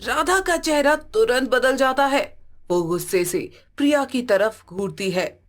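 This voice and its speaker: Woman narrating a cartoon story slowly, kinda high voice. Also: lively intonation, soft background music. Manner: slow, storytelling. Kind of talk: scripted narration.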